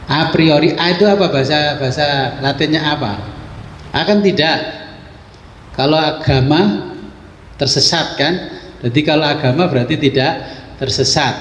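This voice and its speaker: A man's voice: a little high, measured pace, long pauses, slight background noise. A man teaching a religious kitab study, explaining in a casual, folksy way with rhetorical questions. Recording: echoey hall with faint ambience.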